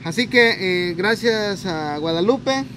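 A man's voice: high voice, expressive, slow pace. A man in his thirties with a Guatemalan accent, hosting a charity vlog outdoors, earnest and speaking straight to viewers. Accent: Guatemalan Spanish. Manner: earnest, religious phrases, addresses viewers. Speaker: host of a charity video channel. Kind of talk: casual vlog narration and interview. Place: outdoors in a rural yard under trees. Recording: outdoor recording with traffic noise.

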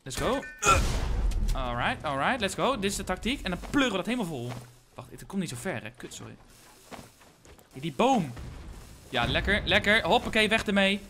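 A young man, live-streaming a game, excitable and slangy, shouting when hyped. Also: sits high, normal speed, pauses often, a little hiss or hum. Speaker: gaming streamer.

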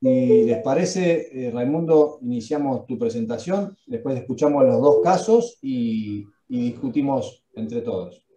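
A man's voice: medium pitch, animated, measured pace, hardly any pauses, dark tone. A man moderating a webinar panel, introducing speakers in a friendly way. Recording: echoey, dull video call audio.

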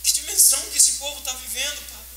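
A male pastor preaching a fervent, emotional sermon, swinging between loud outbursts and soft, hushed passages. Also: very high-pitched, steady tone, fast talker. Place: church sanctuary. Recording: roomy church echo, faint hiss.

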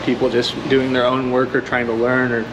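Young man, relaxed tour-guide delivery, mid pitch, heavy warehouse noise behind him. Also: a little fast. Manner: easygoing, many "I mean" and "uh" fillers. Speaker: company staff guiding a factory tour. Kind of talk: casual walking tour explanation. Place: large indoor warehouse and assembly floor. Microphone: handheld wide-angle camera. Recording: loud warehouse background noise.

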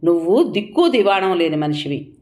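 A woman's voice: on the low side, sing-song, normal speed, dark tone. A woman voicing a cruel, domineering old mother-in-law. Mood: scolding. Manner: harsh, scolding.

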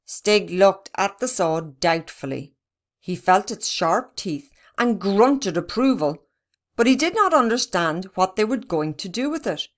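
A woman narrating a children's storybook in a steady, even reading. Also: mid-range voice, a little slow. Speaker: reader.

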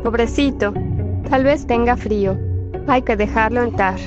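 A woman acts out a naive, kindly teen sister in a horror fan story. The voice sits fairly high and sounds slightly dull, with loud music behind it. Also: a little slow, lightly acted. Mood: earnest concern. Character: naive, kindhearted teenage sister. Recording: muffled, narrow sound under loud music.

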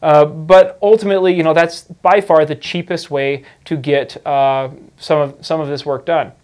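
A man in his thirties talks through an explainer, his voice sitting a little high for a man. He speaks off the cuff, with plenty of fillers and restarts. The sound is close and clean from a lapel mic in a studio. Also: fairly even intonation, moderate pace, a little mellow. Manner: conversational, frequent fillers and restarts. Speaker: indoor farming educator. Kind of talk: unscripted explainer to camera.

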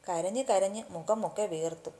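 Mellow-voiced woman storyteller. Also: mid-range voice, normal speed. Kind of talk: storybook narration.

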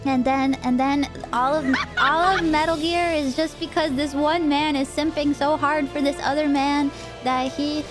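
A woman's voice: high voice, fairly even intonation, unhurried, music in the background, low-quality recording. A drunk woman livestreamer telling a story casually in a loose, rambling way. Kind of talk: casual storytelling, retelling a game plot.

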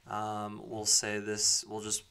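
A man giving a casual step-by-step software tutorial in an informal way, thinking aloud as he goes. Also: on the low side, monotone, takes it slowly, clean tone. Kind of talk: casual screen-recorded spreadsheet tutorial.

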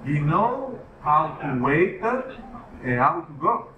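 A man explaining a glassblowing demonstration in a workshop, in halting sentences with many fillers. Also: a little high, sing-song, narrow, tinny audio, noisy background. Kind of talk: live demonstration commentary. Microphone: far camera. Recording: roomy, distant workshop sound. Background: music.

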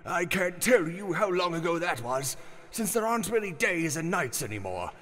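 A bitter, worn-out old male hedgehog from a fan audio drama, played by a man. His voice sits high and swings widely, tired and drawn-out yet ready to tip into desperate pleading. A long reverb trails each line. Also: very animated, fairly bright tone, heavily acted. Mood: weary. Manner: weary, drawn-out delivery turning to pleading.

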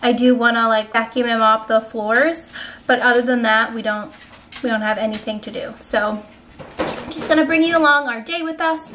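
A woman's voice: a little high, steady tone, normal speed, a bit bright, a little hiss or hum. A young woman, a stay-at-home mom, chatting casually to camera at home in a bubbly way, with lots of fillers. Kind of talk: casual vlog chat to camera. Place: family home.

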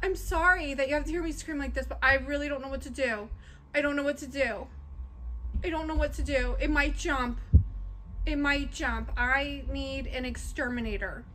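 A woman's voice: high-pitched, fairly even intonation, moderate pace, fairly bright tone, a little hiss or hum. A woman vlogging at home in a frightened, panicky way, repeating herself, gasping and laughing nervously. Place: house interior.

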